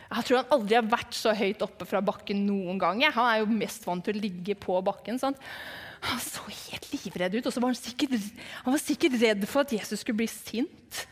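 A woman telling a Bible story to children as if she had seen it, lively and dramatic, dropping to hushed whispers for suspense. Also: fairly high pitch, few pauses. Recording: long hall reverb.

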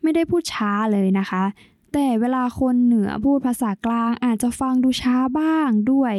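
A young woman talks through her podcast in a chatty, explaining way. Her voice sits a little high, with a soft, mellow tone. She is recorded close and dry, with no room sound. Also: moderate pace, no echo. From Nan, northern Thailand. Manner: chatty and explanatory, polite sentence endings. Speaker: podcast host. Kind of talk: solo podcast talk.

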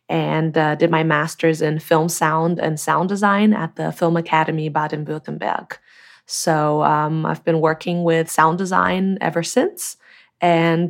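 Casting: Brazilian sound designer guest, woman, deep voice, relaxed and friendly. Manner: friendly, easygoing, laughs lightly. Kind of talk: casual interview talk.

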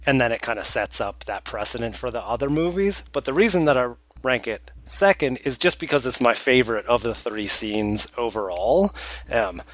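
A man's voice: mid-range voice, expressive, normal speed, a bit bright, no room sound. A man co-hosting a podcast, chatty and laughing often, slipping into playful impressions. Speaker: podcast co-host. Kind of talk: casual film chat.

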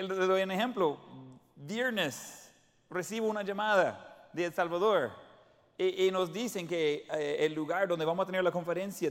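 Man, pastor, high voice, lively sermon delivery with quoted voices, long hall reverb. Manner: animated preaching, acting out quoted voices.

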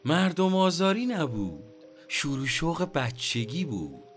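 An actor playing a chatty, complaining, nostalgic middle-aged taxi driver with a Tehrani accent and colloquial street slang. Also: male voice, on the high side, sing-song, soft background music. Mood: wistful, animated.

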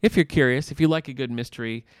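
A man co-hosting a podcast, reading a novel chapter aloud and chatting about it in a plain, steady way. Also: mid-range voice, quick pace, clear, resonant tone, no room sound. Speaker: podcast co-host.

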